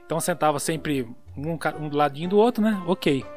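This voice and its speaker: A young man with a São Paulo accent telling a story in a casual, slangy, animated way. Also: on the high side, fairly quick, faint music behind. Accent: São Paulo Portuguese. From São Paulo, Brazil. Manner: animated, slangy storyteller who acts out voices.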